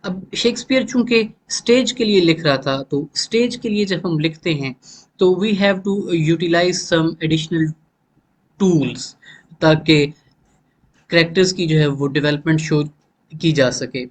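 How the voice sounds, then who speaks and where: Man, fairly high voice, patient literature teacher. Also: measured pace. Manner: explains step by step, frequent "theek hai" check-ins; mixes English terms and read-out definitions into Hindi-Urdu. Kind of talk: recorded lecture.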